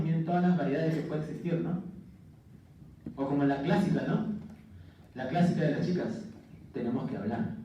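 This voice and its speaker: A man lecturing to a class, animated, making jokey asides and checking in with his students. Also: on the high side, slight background noise. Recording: distant, muffled, echoey classroom audio.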